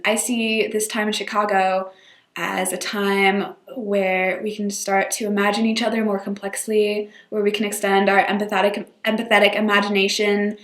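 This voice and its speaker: Young woman student, casual rambling chat, roomy sound. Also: mid-range voice. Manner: chatty, rambling and self-deprecating.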